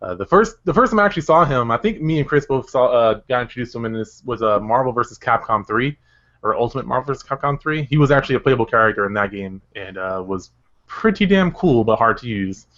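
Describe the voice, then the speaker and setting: A man with a mid-range voice hosts a podcast chat, pausing on fillers as he passes the talk around. The sound is dull and lo-fi. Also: mid-range voice, expressive, fairly bright tone. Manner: hesitant, many "uh"s, steers discussion. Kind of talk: casual chat. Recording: dull lo-fi audio.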